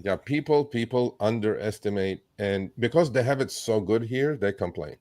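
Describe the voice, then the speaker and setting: A man born in Turkey, hosting a live chat, talking bluntly and with profanity, telling animated stories. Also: fairly low pitch, moderate pace, no room sound. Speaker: host. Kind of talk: casual livestream chat.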